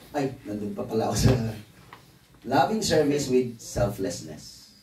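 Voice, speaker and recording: A male pastor delivers a sermon in a loose, joking, conversational way, often turning to the congregation with asides. His pitch rises and falls a lot as he preaches. The voice sits back from the mic and rings around a roomy church hall. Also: warm tone, recorded from a distance, slight background noise. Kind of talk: conference sermon.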